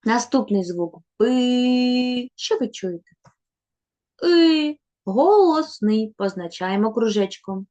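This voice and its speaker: Lady teacher talking to little kids, slow and sing-songy, kinda high voice, spells out sounds real carefully. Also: a little mellow, muffled recording. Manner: slow, sing-song and encouraging, addressing children; over-articulates letter sounds and tongue twisters. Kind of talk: children's literacy lesson.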